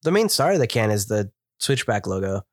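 A man's voice: fairly low pitch, very animated, a little fast, no echo. Chatty stuffed-up man, dry close sound. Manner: chatty, descriptive, enthusiastic. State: stuffed up with a cold. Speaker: podcast co-host reviewing beer. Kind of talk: casual chat.

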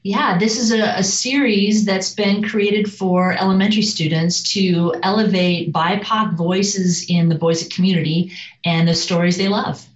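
A woman talking earnestly on a video call, pausing often with um and restarting her sentences. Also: medium pitch, steady tone. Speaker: school community member, program co-creator. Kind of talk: casual conversation on a video call. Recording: roomy, dull video-call audio.

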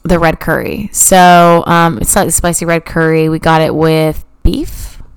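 Low, gravelly young woman. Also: fairly even intonation, unhurried, no echo. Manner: blunt, argumentative, swears freely. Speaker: podcast co-host. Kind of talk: casual food review chat.

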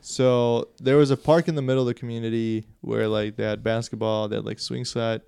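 Gravelly, mellow young man chatting. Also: medium pitch, flat delivery, no echo. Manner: laid-back, slangy, quick agreeing replies. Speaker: podcast co-host. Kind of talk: casual chat.

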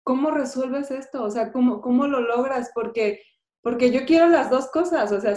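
A woman hosts a podcast and works her way into a question, restarting phrases as she goes. Her voice is mellow and dark, with a noticeable echo from the room around her. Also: fairly high pitch. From Mexico. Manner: hesitant, restarting phrases, earnest. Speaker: podcast host. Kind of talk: interview questions. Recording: echoey room.

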